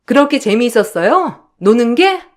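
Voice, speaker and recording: A woman's voice: a little high, big pitch swings, normal speed. Woman doing a sarcastic young sister-in-law, spoiled, needling, storybook drama. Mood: mocking.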